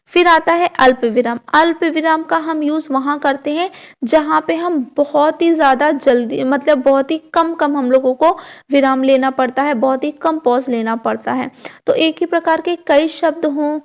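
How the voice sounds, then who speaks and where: A young woman teaching an online grammar lesson for exam students, explaining step by step and asking herself questions before answering, with English words mixed into her speech. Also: high voice.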